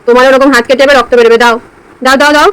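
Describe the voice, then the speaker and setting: A woman's voice: sits high, steady tone, rapid-fire, a bit bright, smooth, poor audio. A woman chatting casually with a small child, using simple repeated questions and coaxing instructions. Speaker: family carer filming a young child.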